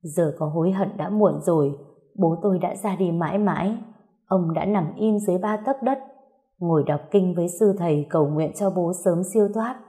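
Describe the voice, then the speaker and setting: A woman narrating a first-person ghost-story website tale in a measured, sorrowful way. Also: on the low side, mellow.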